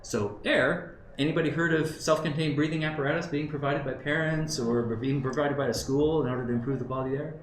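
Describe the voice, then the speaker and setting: A man's voice: on the high side, steady tone, fast talker, hardly any pauses. Man presenting in an echoey room. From Southern California. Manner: conversational, checks in with the audience, thinks aloud. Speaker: conference presenter. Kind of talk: conference presentation to a live audience. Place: conference room. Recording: roomy live talk recording with faint background noise.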